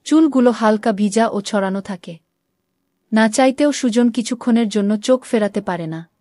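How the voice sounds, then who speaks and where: Woman, first-person story narration, mellow warm tone, dry close sound. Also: on the high side, normal speed, dry recording. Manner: reads all characters in her own voice with small shifts.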